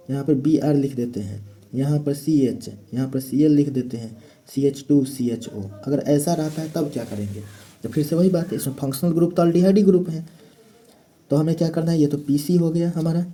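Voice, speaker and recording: Here a man's voice is fairly high with a dark tone. He teaches chemistry in a classroom lecture, breaking it down step by step and answering his own questions as he goes.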